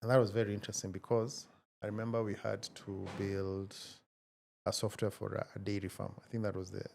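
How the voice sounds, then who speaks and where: A man in his forties with a low, gravelly voice talks through his story at a measured, thoughtful pace. He pauses often to find his words, and a faint hiss of noise sits under the recording. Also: level tone, a little mellow. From Kenya. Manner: measured and reflective, many hesitations. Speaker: guest, tech founder. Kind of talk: casual interview conversation.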